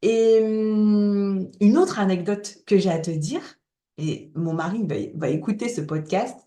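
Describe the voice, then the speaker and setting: A woman's voice: medium pitch, a little slow, mellow. A woman from northern France talks openly as a guest on an interview podcast. She is chatty and candid, laughs readily, and her voice sits in a mid range with a roomy echo around it. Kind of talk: casual interview chat.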